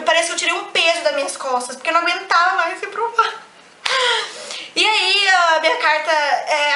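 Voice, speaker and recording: A woman's voice: high voice, slight background noise. A young woman with a Brazilian accent, chatting animatedly as a vlogger, telling a personal story with many restarts. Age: young adult. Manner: animated, quick restarts, acts out quoted lines. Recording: echoey room.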